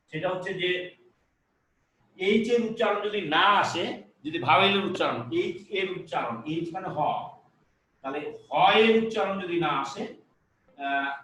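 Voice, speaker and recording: A male teacher explains grammar in a halting way, with many filler sounds and restarts, and asks rhetorical questions. His voice sits a little high and he stands well back from the mic in a strongly echoing room, with faint noise behind him. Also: a bit bright. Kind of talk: grammar lesson at a board. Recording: echoey room, voice from some distance.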